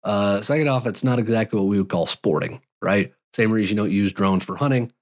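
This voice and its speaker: A man in his thirties, a podcast host and fly fishing guide, answers listener questions on his solo show from a home studio lined with gear shelves. Slightly raspy from a cold, he speaks in a lowish voice at a fairly quick pace, relaxed and rambling with frequent uh's and restarts. He's on a large studio mic with headphones on.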